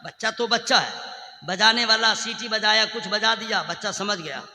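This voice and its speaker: Preacher guy, really high sharp voice, shouts then goes quiet, sings arabic lines, big echoey hall. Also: moderate pace, gravelly. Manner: swings between loud chanted shouting and quiet conversational asides; chants Quranic Arabic in a sung tone. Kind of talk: sermon. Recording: echoey hall with long reverb.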